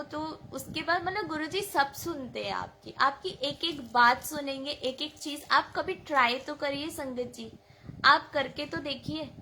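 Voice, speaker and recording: A woman in her thirties telling an informal devotional testimony, animated and acting out her own past words. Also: high-pitched, slight background noise.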